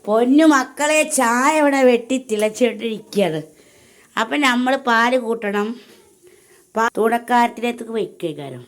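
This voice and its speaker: A woman's voice: on the high side, moderate pace. A woman, chatting casually to her viewers in a homely home vlog. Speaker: home vlogger. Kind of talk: casual chat to camera.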